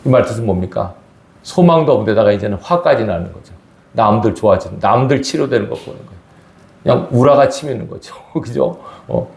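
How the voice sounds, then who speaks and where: A man's voice: lowish voice, expressive, fairly quick, creaky, a little mellow, reverberant. A man preaching a sermon as pastor, talking to the congregation in a conversational, emphatic way and asking rhetorical questions. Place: church sanctuary.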